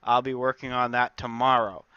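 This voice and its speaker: This is a casual game developer diary from a man slightly stuffed up with a cold, who leans heavily on filler words. His medium-pitched voice is smooth and flat, at a normal speed, captured in a dry, lo-fi recording.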